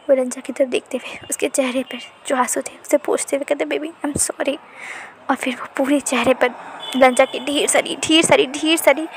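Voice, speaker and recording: A woman's voice: sits high, vocal fry, slight background noise. A woman narrating a fan fiction story emotionally, acting out its dialogue. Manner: emotional retelling with acted dialogue.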